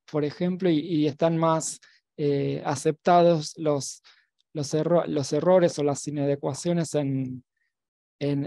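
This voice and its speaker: A man giving an academic talk as a lecturer at a virtual symposium. He pauses and restarts often, with many fillers and tag questions. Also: fairly high pitch, vocal fry, warm tone, dry recording. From Argentina. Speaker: university lecturer.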